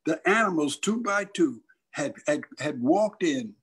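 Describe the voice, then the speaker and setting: A man's voice: fairly high pitch, animated, unhurried, fairly bright tone, breathy edge. An older male evangelist pastor telling a dramatic storytelling sermon and acting out the voices.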